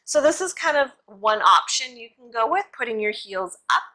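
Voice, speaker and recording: Young woman, bright forward voice, casual yoga-teacher delivery, encouraging and informal, for an instructional demo. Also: on the high side, expressive, normal speed, low-quality recording.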